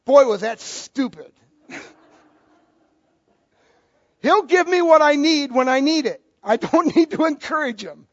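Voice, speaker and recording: Middle-aged man, very high voice, folksy joking preacher, dull dry lo-fi sound. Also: expressive, measured pace, long pauses, dry recording. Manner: conversational preaching with joking asides. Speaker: pastor. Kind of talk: sermon.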